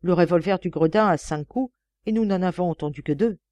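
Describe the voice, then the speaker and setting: A woman's voice: fairly low pitch, brisk, mellow, dry recording, dull audio, lightly acted. A woman reading an audiobook, voicing a wary male police agent giving an urgent warning.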